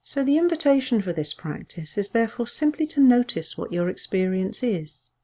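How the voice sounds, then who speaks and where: Guiding a body scan meditation, this mindfulness teacher has a mid-range, sing-song voice. She talks gently, soothingly, and at a measured pace, with pauses.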